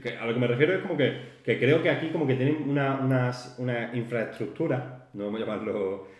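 A man's voice: mid-range voice, fairly quick. Joking man, echoey room. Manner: joking, animated storytelling with put-on quoted voices. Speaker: podcast co-host. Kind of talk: casual chat. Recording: roomy echo.

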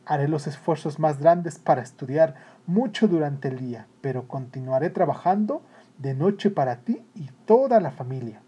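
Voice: medium pitch, expressive, normal speed, mellow, slightly rough. A narrator voicing a self-sacrificing young boy who speaks in a heartfelt, pleading way. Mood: resolute.

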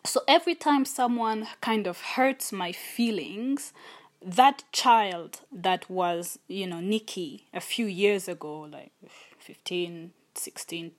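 A young adult woman hosts a reflective solo podcast, speaking slowly in a medium-pitched voice. She comes across as earnest and thoughtful, openly sharing personal matters.

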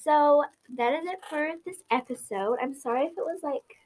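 Kiwi teen girl, high voice, frank and chatty on a podcast. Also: normal speed, noisy background. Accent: New Zealand. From New Zealand. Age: teens. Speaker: podcast co-host. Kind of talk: casual chat.

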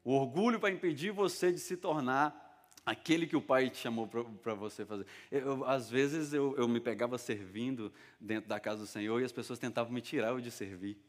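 Pastor preaching in a reverberant hall. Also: male voice, medium pitch, a little fast. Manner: lively storytelling, acting out dialogue. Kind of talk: sermon. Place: church hall. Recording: long reverb of a church hall.

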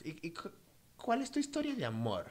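Animated joking man. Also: high voice, normal speed. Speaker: podcast co-host. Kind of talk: casual chat.

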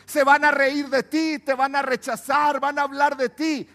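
A man preaching a sermon, swinging between loud emphatic calls and low hushed asides. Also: flat delivery, measured pace, faint music behind.

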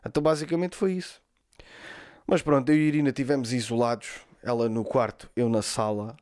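A man's voice: medium pitch, fairly even intonation, brisk, darkish tone, no room sound, studio quality. A young man with a European Portuguese accent who tells comic stories in a rambling, slangy way and laughs often. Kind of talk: comic storytelling monologue.

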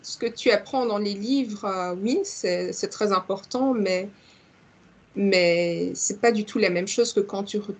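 A woman speaks as a guest in a casual podcast chat, at a middle pitch. She talks at length and tells stories freely, often restarting her sentences as she goes. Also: husky. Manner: chatty, expansive storyteller with many fillers and restarts.

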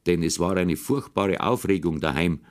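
A man's voice: sits low, moderate pace. A man narrating a humorous first-person boyhood story as an audiobook reader. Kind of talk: scripted narration.

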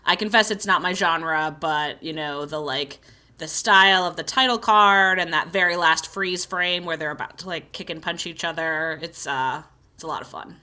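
A woman's voice: fairly low pitch, normal speed, bright, forceful tone. A woman co-hosting a podcast, chatting casually about a cartoon episode in a laid-back way, laughing often and using many fillers. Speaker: podcast co-host.

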